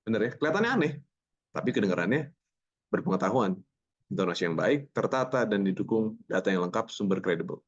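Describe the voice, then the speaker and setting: A man's voice: on the low side, expressive, fast talker, hardly any pauses. A man teaching a public speaking workshop who talks energetically, jokes with participants and drops English words into his speech. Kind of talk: online voice workshop. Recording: slightly muffled lo-fi audio.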